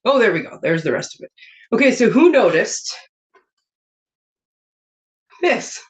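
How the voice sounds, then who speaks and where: A woman's voice: a little high, big pitch swings, a little slow. Chatty woman hosting a craft stream. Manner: rambling and chatty, laughs often. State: recovering from a sinus infection, slightly congested. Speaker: host of a papercraft live stream. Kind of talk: casual live-stream chat. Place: home craft room at her desk. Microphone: webcam setup. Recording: dull lo-fi stream audio.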